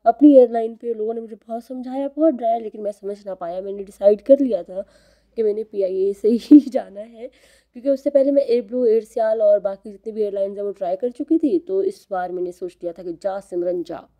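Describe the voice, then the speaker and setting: Mellow, chatty Pakistani woman vlogger. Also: mid-range voice, a little fast. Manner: chatty, mixes English phrases into speech. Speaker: travel vlogger. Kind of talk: casual travel vlog narration.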